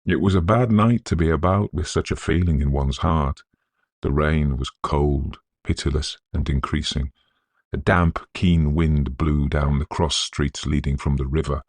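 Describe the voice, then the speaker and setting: A man with a very deep, husky voice narrates a Victorian ghost story in a scholarly, measured way. He's recorded close and dry, with no echo.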